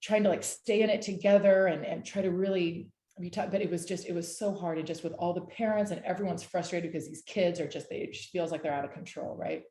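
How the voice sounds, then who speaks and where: A woman in her forties with a lowish, mellow voice leads a casual discussion over a video call. She talks earnestly and rambles, with frequent restarts and soft affirmations. Her voice comes through an echoey room. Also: steady tone, fast talker, few pauses. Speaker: discussion leader.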